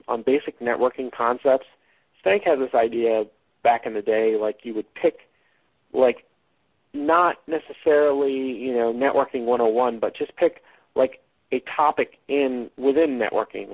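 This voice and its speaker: A man hosting a casual podcast, rambling and thinking aloud in a halting way, recorded on a cheap, lo-fi microphone. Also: medium pitch. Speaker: podcast host. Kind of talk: casual unscripted podcast discussion.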